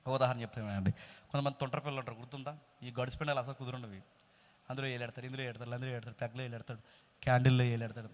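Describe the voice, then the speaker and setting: A man with a Telugu accent preaching a sermon and praying to a gathered congregation, swinging from loud emphatic exhortation to quiet storytelling. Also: mid-range voice. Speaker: pastor. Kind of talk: sermon and closing prayer. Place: church hall with congregation. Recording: long hall reverb.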